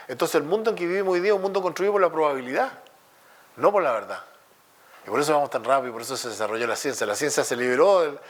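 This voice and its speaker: A man with a Chilean accent giving a public lecture, telling lively stories and jokes. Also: fairly high pitch. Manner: lively storytelling with jokes and acted dialogue.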